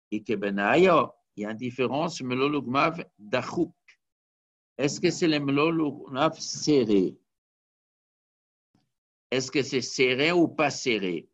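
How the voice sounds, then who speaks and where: A man teaching a Talmud study lesson, explaining step by step and weaving Hebrew and Aramaic terms into his talk. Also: mid-range voice. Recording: dull lo-fi recording.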